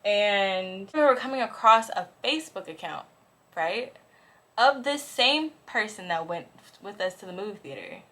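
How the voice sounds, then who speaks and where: A young woman vlogger chatting casually through a storytime as she gets ready, animated and profane, full of "like" and "bro". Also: medium pitch, unhurried. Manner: animated, swings between loud and hushed. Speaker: beauty and lifestyle vlogger.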